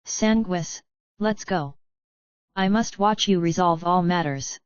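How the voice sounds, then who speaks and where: A woman voicing a calm, powerful male demon master who speaks in an unruffled, gently commanding way, in a dry, slightly dull recording. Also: lowish voice, slow pace, clear, resonant tone, dry recording.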